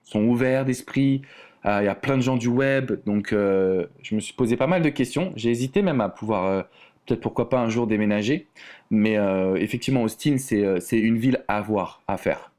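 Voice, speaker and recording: A French relationship coach talks casually as a podcast guest, using many fillers and restarts. His voice is on the low side and darkish in tone, at a normal speed.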